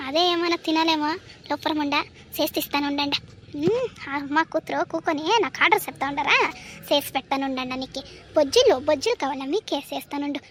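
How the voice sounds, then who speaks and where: A woman's voice: high voice, close to an everyday voice. A woman voicing a bossy middle-aged mother-in-law in a cartoon, grumbling and scolding, with faint noise behind. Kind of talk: cartoon voice acting.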